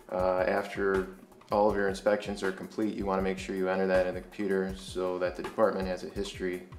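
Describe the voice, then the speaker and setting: A man giving step-by-step instructions as a firefighter training instructor, in a plain, procedural manner. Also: deep voice. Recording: echoey room, music underneath.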